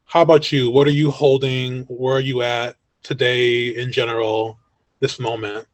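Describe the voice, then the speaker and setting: A man's voice: mid-range voice, flat delivery, moderate pace, dry recording. A man moderating a video-call panel discussion, talking in a reflective, affirming way.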